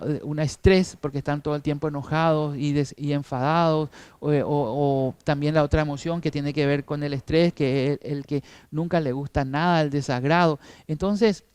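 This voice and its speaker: Argentine man teaching, rather high voice. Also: darkish tone, clean tone, dry recording. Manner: explanatory, repeats with rhetorical questions. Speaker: teacher trainer at a church. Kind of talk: training talk for Sunday school teachers.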